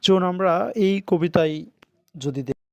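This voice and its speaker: A man teaching an English lesson, reading English lines slowly and translating them into Bengali. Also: high voice, dry recording, muffled recording. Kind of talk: recorded lesson.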